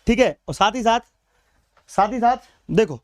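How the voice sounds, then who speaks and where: A man with a Madhya Pradesh Hindi accent runs a live exam-prep class. His voice sits high and sounds smooth and clear. He talks to the students informally and calls them beta and bhaiya. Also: animated, moderate pace. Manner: chatty, addresses viewers as beta and bhaiya. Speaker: exam coaching teacher.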